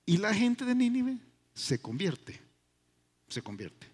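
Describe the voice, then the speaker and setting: A male pastor delivering a sermon in an emphatic, animated manner, full of repetition and rhetorical questions. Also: high voice, slow pace. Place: church.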